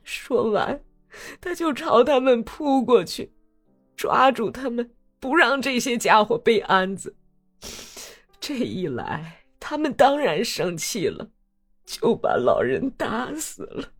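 A woman's voice: fairly high pitch, very animated, slow pace, husky, faint music behind. A woman reading a novel aloud as an audiobook, telling the story expressively. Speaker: audiobook reader.

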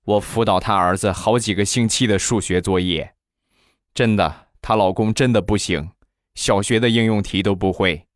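A man hosting a comedy show, telling funny anecdotes in a chatty, animated manner and acting out the voices. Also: on the low side, moderate pace, dry recording, clean studio sound. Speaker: comedy host. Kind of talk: comic storytelling.

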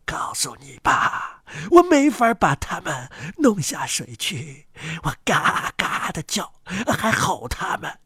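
A woman voicing an old know-it-all female duck who speaks slowly and hushed, in a storybook. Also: fairly low pitch, very animated, breathy edge, no echo, clean studio sound, voice pushed down, full character voice. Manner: slow, hushed and knowing.

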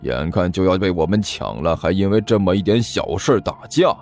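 A low, sneering growl of a mean street robber boss, as a male storyteller puts him on. He snaps and scoffs with bursts of contempt, over faint background music. It is a storybook villain, impatient and cocky. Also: lively intonation, normal speed, a little mellow. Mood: scornful. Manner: scornful, snappish, sneering.

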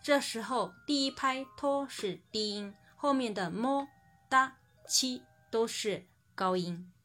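A woman teaching a recorded language lesson. She explains patiently, then says each example word slowly and clearly. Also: on the high side, sharp tone, faint music behind.

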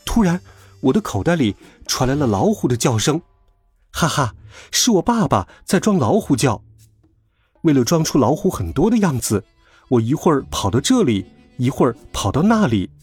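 Husky lively storyteller man. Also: medium pitch, normal speed, soft background music. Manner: lively, expressive reading. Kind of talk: children's storybook narration.

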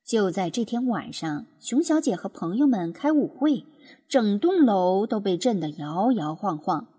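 A woman narrating a children's storybook in an expressive, lively storytelling manner. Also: medium pitch, unhurried, husky. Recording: music playing behind.

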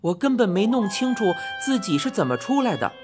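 Lively woman storyteller reading a story. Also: mid-range voice, brisk, over music. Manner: lively, expressive first-person telling. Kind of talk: storybook narration.

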